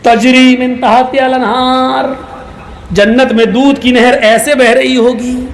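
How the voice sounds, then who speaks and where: A crafty, scheming cleric speaks slyly, drawing out a recited verse, as a male preacher puts him on. His voice is very high, with a faint hum of ambient noise. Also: level tone.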